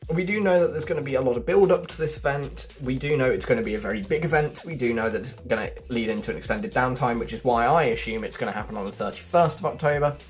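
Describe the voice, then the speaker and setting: Speaking quickly and barely pausing, a man with a mid-range voice delivers casual gaming commentary straight to his viewers. He's a video game news YouTuber hosting the video, and background music plays behind him.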